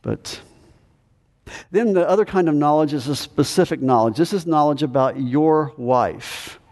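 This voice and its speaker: A man preaches a sermon in a relaxed, chatty way, mixing humor with rhetorical questions. His voice sits a bit high for a man but sounds mellow and dark. Long reverb from the hall trails behind his words. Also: a little slow. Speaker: pastor.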